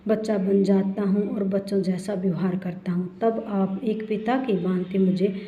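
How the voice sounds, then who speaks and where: A woman's voice: medium pitch, fairly even intonation, normal speed, lightly acted. A woman voicing a witty, playful courtier in a sly, teasing storybook reading. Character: witty clever courtier, grown man, playful. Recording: roomy, dull lo-fi recording.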